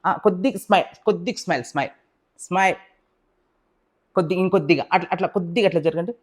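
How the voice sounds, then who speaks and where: A man's voice: high-pitched, rapid-fire. A young man in a comedy skit, fawning and teasingly polite as he directs a photo shoot. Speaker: comedy sketch actor playing a photographer.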